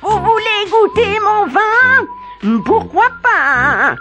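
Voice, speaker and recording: A man's voice: extremely high pitch, animated, very slow, over music, voice pushed up, full character voice. A man voicing a sly old peasant woman in a drawling old hag voice for a storybook tale. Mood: sly, inviting. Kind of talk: French storybook tale acting.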